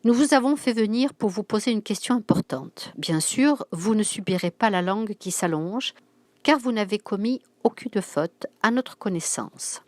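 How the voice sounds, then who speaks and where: A woman voicing a stern elderly school headmistress in a storybook reading, speaking loudly and formally. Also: medium pitch, animated, moderate pace, no echo, voice pushed up, lightly acted. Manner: loud, formal and commanding.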